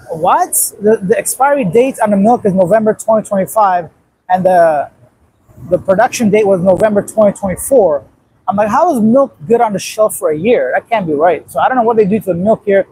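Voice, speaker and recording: The voice is high-pitched and darkish with a breathy edge, belonging to a late-thirties Afghan man who hosts a casual livestream and bluntly rambles while reacting to viewer comments. There's no room sound, but the recording is rough.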